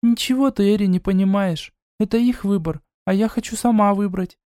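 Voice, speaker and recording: Guy doing a high anxious young sister, emotional and pleading, audiobook voice. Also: brisk, dark tone, no echo, studio quality, close to an everyday voice. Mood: indignant. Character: anxious earnest young woman, the hero's elder sister.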